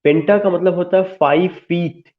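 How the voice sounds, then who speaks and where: A man teaching English literature in an online class, explaining slowly, repeating key terms and mixing English into Hindi. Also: sits high, steady tone. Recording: tinny phone-like audio.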